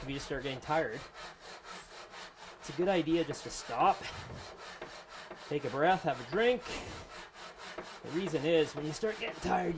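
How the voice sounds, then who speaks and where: A man giving a casual woodworking tutorial in his workshop, talking easily while he files and sands. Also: on the high side. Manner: relaxed, talks while working with tools. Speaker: woodworking instructor. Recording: workshop noise under the voice.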